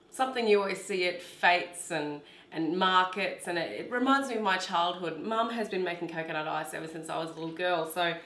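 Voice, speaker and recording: A woman's voice: lowish voice, a bit bright, reverberant. A woman, hosting a cooking demonstration in her home kitchen and explaining each step in a chatty, instructive way. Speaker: cooking show host.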